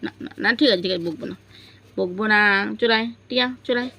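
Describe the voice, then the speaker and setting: A woman on a home vlog, coaxing, gently scolding and cooing at her pet parrots. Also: medium pitch, fast talker, husky. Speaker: vlogger talking to pet parrots. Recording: loud background noise.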